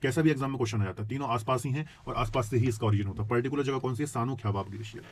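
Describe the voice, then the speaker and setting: A man with a mid-range voice teaches geography for exam prep at a very fast clip, calling his students children. He keeps tossing them rhetorical check-in questions and clears his throat now and then.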